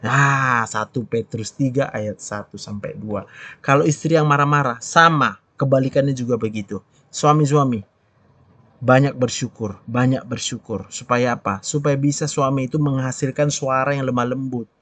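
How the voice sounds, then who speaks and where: Male speaker for a faith talk on a stream, mid-pitched, animated with sudden hushed asides, dry close sound. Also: moderate pace, no echo. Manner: animated, swings from loud exclamations to soft quiet asides. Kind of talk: live-stream preaching talk.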